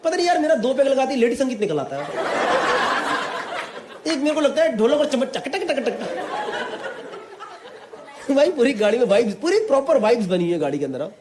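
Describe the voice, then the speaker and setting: A man from Delhi NCR doing stand-up crowd work, animated, mixing Hindi and English, on an echoey live stage with audience laughter. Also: very high-pitched, fast, noisy background. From Delhi NCR, India. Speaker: stand-up comedian. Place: comedy club stage.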